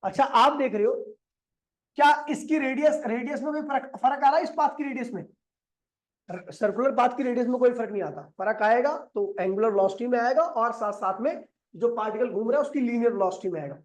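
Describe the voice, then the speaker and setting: A man's voice: extremely high pitch, fairly quick. A male physics teacher explaining step by step on a board. He keeps asking questions and answering them himself, repeats key steps and mixes in English terms.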